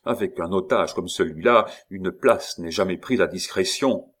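A man's voice: deep voice, moderate pace, a bit bright. Guy reading as a stout nobleman, firm and determined, no nonsense. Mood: resolute. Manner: resolute. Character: stout resolute male nobleman.

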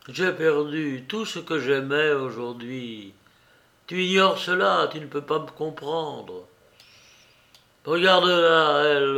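A man reading aloud, voicing a gentle, sincere young man who speaks calmly and firmly. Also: fairly high pitch. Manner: calm, earnest, measured.

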